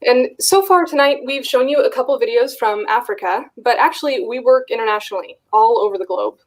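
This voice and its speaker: A woman hosts a virtual fundraiser, encouraging viewers to give and beginning many phrases with "uh." Her voice is a little high and brisk, and the recording is rough.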